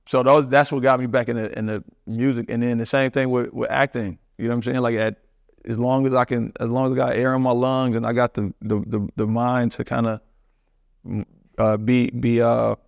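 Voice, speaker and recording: A man's voice: mid-range voice, level tone, a little fast, creaky, no echo. A middle-aged man, talking loosely as an interview guest, rambling and restarting with plenty of slang. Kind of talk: casual interview talk.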